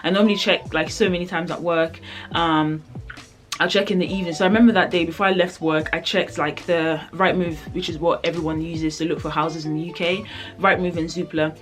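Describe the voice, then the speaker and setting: Young woman vlogger, deep voice, loose rambling chat, soft music behind. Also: fairly even intonation, a little fast. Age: young adult. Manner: rambling, filler-heavy storytelling. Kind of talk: casual chat.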